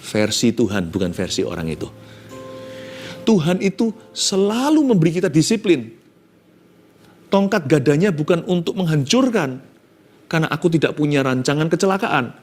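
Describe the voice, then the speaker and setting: A male pastor preaching in Indonesian with English phrases mixed in, telling the story dramatically and swinging between loud and hushed. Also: on the high side, sing-song, normal speed, long pauses, soft background music. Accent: Indonesian, mixes in English phrases. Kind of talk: sermon.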